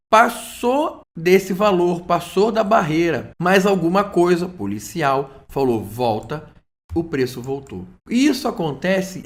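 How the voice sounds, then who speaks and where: A man teaches trading in a loose, chatty video lesson, full of slangy asides and stories. His voice sits fairly high for a man. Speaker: trading instructor.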